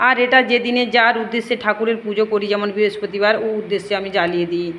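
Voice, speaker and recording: Woman, earnest devotional vlog talk, middle pitch, faint background hiss. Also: flat delivery, fast talker, a bit bright. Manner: earnest, pleading, addresses viewers as friends. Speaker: home shrine devotee vlogger.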